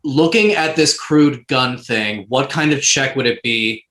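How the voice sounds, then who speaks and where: A man's voice: medium pitch, a little slow, fairly bright tone. Man casually chatting as tabletop player. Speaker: player in a tabletop role-playing game. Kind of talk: casual chat.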